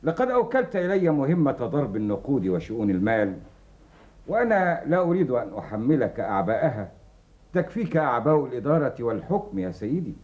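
An actor playing a deferential, obsequious official in charge of the mint. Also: male voice, mid-range voice, big pitch swings, fast talker, a little mellow, highs cut off, lightly acted. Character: smooth, deferential master of the mint.

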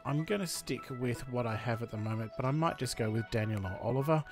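Aussie-raised guy talking you through a mac tutorial, mid pitch, casual and chatty, soft music behind. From Australia. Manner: chatty, explaining step by step. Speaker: tutorial host. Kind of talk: screen-recording tutorial voice-over.

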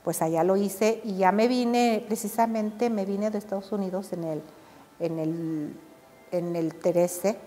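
Older Mexican woman, artisan interview, animated storytelling, middle pitch, long reverb. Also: measured pace, faint music behind. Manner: animated storytelling, acts out quoted dialogue. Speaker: embroidery and drawn-thread artisan. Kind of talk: reminiscing interview.

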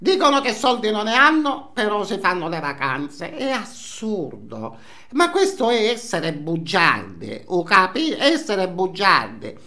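Comic sketch: nosy older Sicilian housewife played by a man, dialect-laced scolding, bright voice swinging wildly. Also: sits high, wildly swooping pitch, measured pace, heavily acted. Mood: indignant gossip. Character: nosy, indignant older Sicilian housewife, gossiping about neighbours. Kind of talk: comic character monologue. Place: small indoor room, seated facing camera.

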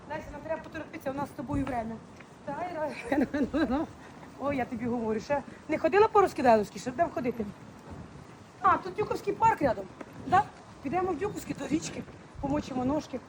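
A Ukrainian vlogger chats affectionately to her followers in a walking vlog shot on a phone, moving from outdoor city streets to a clinic hallway. Her high voice is animated and fast, mixing Ukrainian and Russian words, with background noise throughout.

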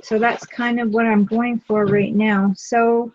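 Brief: easygoing woman, fairly high voice, casual craft-stream chat over a muffled lo-fi line. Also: flat delivery, measured pace, a little mellow, no echo. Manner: chatty, easygoing, talks while working. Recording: lo-fi live-stream audio.

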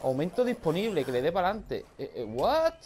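A man with a Spain Spanish accent giving loud, excitable live gameplay commentary, often shouting and swearing. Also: fairly high pitch, normal speed. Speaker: gaming video creator.

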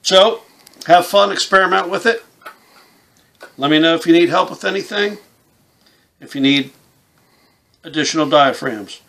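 Pausing often, a game call maker and instructor in his fifties explains things step by step in an informal, hands-on tutorial. His voice is a little high and creaky at a moderate pace, and background noise can be heard in the small indoor room with its camouflage backdrop.

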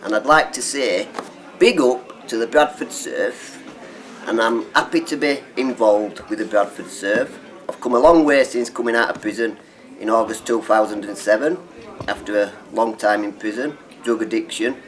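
A man's voice: lowish voice, normal speed. A man who is a former prisoner now in recovery, speaking upbeat and grateful in a studio vox pop interview. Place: indoor studio with dark backdrop.

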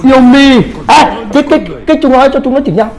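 A man's voice: extremely high pitch, fast, a little mellow, faint music behind, rough recording. A man giving casual gameplay commentary, swearing and crying out in pain as he plays. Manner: swears, cries out in pain during play. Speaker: gamer streamer.

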